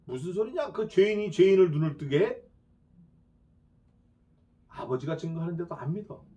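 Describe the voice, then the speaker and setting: A man pastor delivering an expository sermon. He speaks emphatically, fires off rhetorical questions and swings between soft, low asides and loud declarations. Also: animated, moderate pace, highs cut off. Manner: dramatizes quoted speech.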